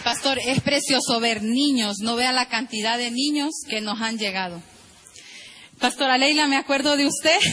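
A woman's voice: a little high, fairly bright tone. A woman pastor giving an earnest church testimony, addressing the senior pastor formally. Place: church service.

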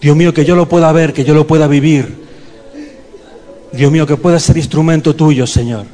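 A man's voice: on the high side, fairly even intonation, moderate pace, warm tone. A man leading a fervent prayer and sermon in a church, pleading and calling on the congregation. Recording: long hall reverb.

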